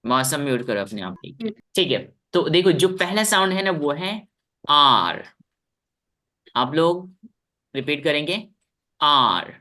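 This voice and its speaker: A man with an Indian accent teaching English in an online class over a video call, drilling words slowly and repeating each one three times, stern with his pupils. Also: a little high, expressive, a bit bright. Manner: stern with students.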